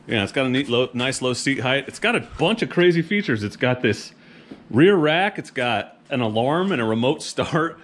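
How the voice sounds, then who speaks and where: Playful man vlogging over clear background noise. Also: medium pitch, expressive, normal speed, fairly bright tone. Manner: playful, self-deprecating. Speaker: motorcycle vlog host. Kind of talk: casual vlog chat to camera.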